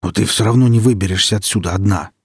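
A man's voice: fairly low pitch, fast talker, slightly rough, no echo, clean studio sound. A man reading as a persuasive, easygoing fixer. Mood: resigned. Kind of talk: audiobook character reading.

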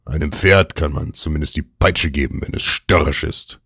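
A man voicing an old male occultist uncle who is feverish and domineering, speaking gruffly and with slow intensity. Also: very deep voice, fairly bright tone, no room sound, studio quality, exaggerated voice. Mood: curt.

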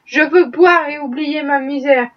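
A woman voicing a bitter, gruff old woman who talks in a surly, grumbling way. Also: unhurried. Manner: surly, grumbling, low muttering. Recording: dull, distant-sounding audiobook recording.

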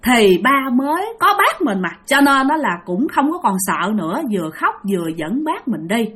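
Woman, ghost story telling, husky, animated pitch. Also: normal speed. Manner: lively, acts out the scenes and quotes. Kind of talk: spoken ghost story to listeners.

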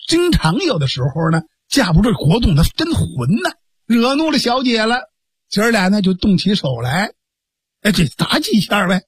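A man with a Beijing accent narrates a traditional tale in lively, theatrical storytelling style. His husky voice leaps up and down in pitch. The sound is dry and close. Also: no room sound.

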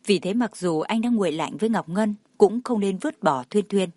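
A woman reading a novel aloud in steady, even scripted narration. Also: medium pitch, normal speed, no room sound, clean studio sound. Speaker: audiobook narrator.

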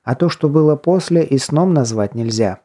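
A man narrating an audiobook fantasy novel in a steady, measured reading voice. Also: a little high. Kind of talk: scripted narration.

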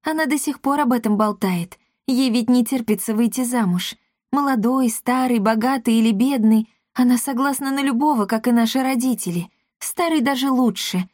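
A woman's voice: a little high, normal speed, darkish tone, dry recording, studio quality, voice pushed up, lightly acted. A woman voicing a sly, playful young girl in love.

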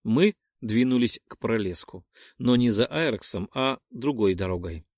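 A male audiobook narrator tells the story with a lively, shifting intonation. His voice sits at an average pitch and is recorded close and dry, with no room around it. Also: normal speed, no echo. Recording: dry close studio sound.

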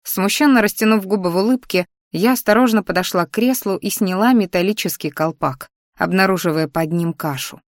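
A woman reading a romantic fantasy audiobook in the first person, at an even, measured pace. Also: medium pitch, no room sound, clean studio sound. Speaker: audiobook narrator.

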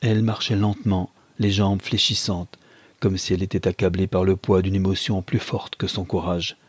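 A man reading a novel aloud in measured, even narration. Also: deep voice, breathy edge, no room sound.

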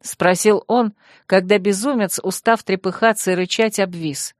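A woman narrating a novel in the first person at an even storytelling pace. Her voice sits at a middle pitch. The recording is dry and close. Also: moderate pace, no room sound. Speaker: audiobook narrator.

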